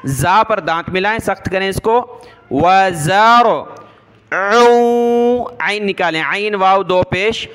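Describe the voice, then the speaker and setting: A man teaching Quran recitation, spelling out each syllable patiently and slowly drawing out the recited words. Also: high voice, a bit bright, smooth.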